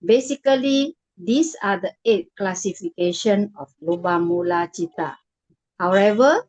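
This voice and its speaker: A woman student on a video call speaks very slowly, at a middling pitch. Her Singlish accent is Singaporean or Malaysian, and she reads aloud with careful, deliberate phrasing. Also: poor audio. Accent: Singaporean or Malaysian English. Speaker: student in an online class. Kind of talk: reading a text aloud.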